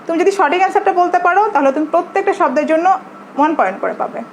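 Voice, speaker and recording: A Bangladeshi woman, a primary school English teacher, giving an online lesson in English and Bengali, slowly repeating words for her pupils. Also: very high voice, expressive, a little hiss or hum, poor audio.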